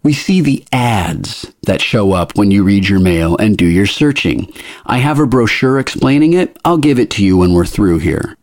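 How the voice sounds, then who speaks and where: A man voicing a skinny older male border interrogator with a squeaky, prim way of asking questions. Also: expressive, moderate pace, no room sound, clean studio sound. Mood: probing. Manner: prim, coolly persistent questioning.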